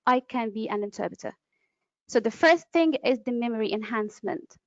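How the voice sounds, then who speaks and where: A woman whose first language is Arabic presents a webinar lecture as an interpreter, explaining things with frequent fillers and restarts. Her pitch is fairly high and there's no room sound. She's recorded on a computer mic, and the webinar audio is dull and lo-fi.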